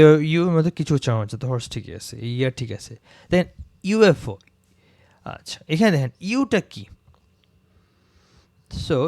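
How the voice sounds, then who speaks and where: A man teaching an English grammar lesson, repeating example words slowly to show how they sound and mixing English terms into his talk. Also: on the high side, no echo, clean studio sound. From Bangladesh.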